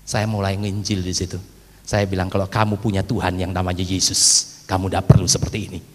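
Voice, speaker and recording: A man preaching a sermon as a pastor, telling a story with acted quotes and calling loudly to his listeners. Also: deep voice, little pitch movement, brisk, noisy background. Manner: loud, forceful preaching, says he preaches loudly. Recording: echoey long-reverb hall, old sermon recording.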